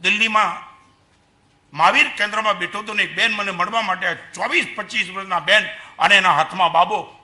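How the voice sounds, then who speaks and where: An older man with a Gujarati accent giving a lively Jain sermon, dropping to soft asides and rising to loud emphasis, asking the audience questions. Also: sits high, a little fast. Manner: animated preaching, swings between soft asides and loud emphasis. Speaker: Jain monk lecturer. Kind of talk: sermon to an assembly.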